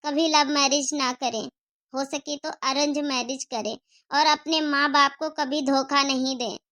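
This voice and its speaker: A woman's voice: sits high, steady tone, measured pace, sharp tone. A woman, host of a story channel, earnestly advising her viewers and asking them to subscribe. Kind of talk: moral-story outro address.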